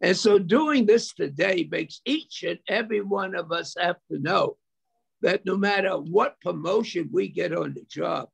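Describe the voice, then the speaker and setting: Gravelly older man giving a fiery speech. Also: sits high, a little slow. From United States. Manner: preacherly, rhetorical questions and repetition. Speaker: speaker at a memorial event. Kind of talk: impassioned speech. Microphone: video call.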